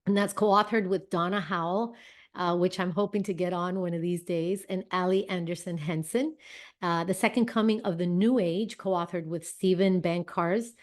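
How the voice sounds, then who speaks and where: A woman's voice: on the low side, steady tone, normal speed. Chatty woman hosting a talk show. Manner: chatty and effusive, with many fillers and restarts. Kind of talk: casual interview introduction.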